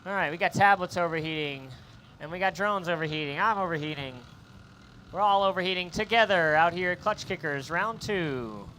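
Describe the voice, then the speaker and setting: Man, drift commentator, excitable play-by-play, fairly high voice, faint background noise. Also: moderate pace. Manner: excitable play-by-play, jokey banter. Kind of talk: live motorsport commentary.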